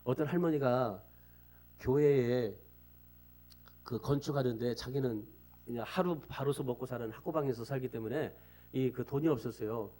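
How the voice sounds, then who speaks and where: Earnest Korean pastor preaching a sermon. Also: male voice, medium pitch, moderate pace, mellow. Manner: earnest pleading preaching with repeated phrases and anecdotes.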